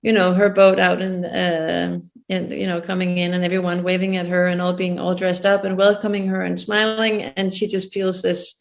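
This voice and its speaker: A woman's voice: fairly low pitch, level tone, moderate pace, vocal fry, few pauses. A woman from Denmark with a Danish accent, a film producer answering interview questions thoughtfully and searching for her words.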